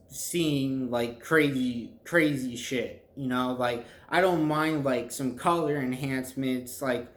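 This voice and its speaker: A young man chatting casually to viewers in a halting, rambling way, often groping for words. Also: medium pitch. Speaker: vlogger telling a personal story. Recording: echoey, reverberant room.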